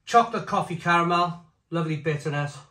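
A man's voice: fairly high pitch, fast, pushed and bright. A man reviewing beer in a chatty, rambling way, recorded in an echoey conservatory at home. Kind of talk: casual beer review vlog. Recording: echoey room sound.

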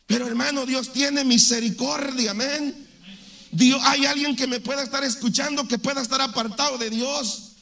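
A man's voice: extremely high pitch, gravelly, pushed and bright. A man from Mexico, giving a fervent church testimony and often calling listeners brother.

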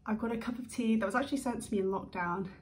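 A woman's voice: a little high, a little mellow, slight background noise. Nervous, rambling young British woman vlogging. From United Kingdom. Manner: rambling, nervous, quick talk with restarts. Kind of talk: unedited sit-down vlog.

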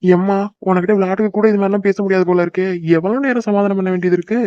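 A man's voice: sits high, steady tone, rapid-fire, dark tone, no echo, dull audio, lightly acted. A young man voicing a teasing, devoted boyfriend in a cartoon, coaxing and joking. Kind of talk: cartoon voice acting.

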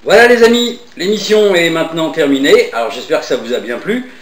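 A man hosting a channel, closing the episode in a relaxed, hesitant way. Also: a little high, fairly quick, very noisy. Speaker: channel host. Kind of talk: casual outro address. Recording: roomy sound from the mic distance.

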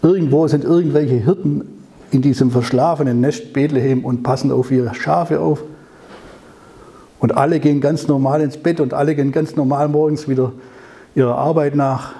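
A man giving a conversational sermon, telling the story with rhetorical questions and slowing down on key phrases. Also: mid-range voice, mellow. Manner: slows down to stress key phrases. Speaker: preacher.

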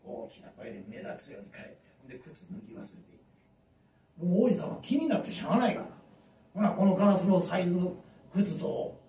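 A man's voice: sits high, slight background noise. A man in his fifties with a Kansai accent doing a stand-up comedy monologue, telling a story and acting out voices. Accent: Kansai Japanese. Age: 50s. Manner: lively storyteller who acts out voices. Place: small underground live venue. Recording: echoey room from far off.

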